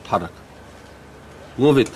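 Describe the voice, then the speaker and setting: An actor playing a smooth, jovial company owner with an Egyptian accent. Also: male voice, moderate pace, warm tone, slight background noise, close to an everyday voice.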